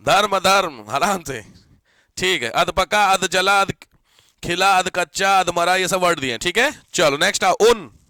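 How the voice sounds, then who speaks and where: High, bright-voiced man teaching grammar. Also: lively intonation, dry recording. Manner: keeps checking if students follow, mixes English words into Hindi; repeats key words slowly for dictation. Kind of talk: live classroom lesson.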